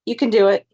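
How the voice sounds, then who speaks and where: A woman in her fifties joins a sewing livestream by phone, chatting casually and cheering the host on. Her tone is warm and encouraging, she laughs easily, and the sound is lo-fi.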